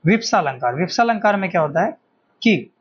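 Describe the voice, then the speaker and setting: A man's voice: high voice, animated, brisk, breathy edge, highs cut off. A man teaching an exam-prep grammar lesson, explaining step by step and answering his own questions.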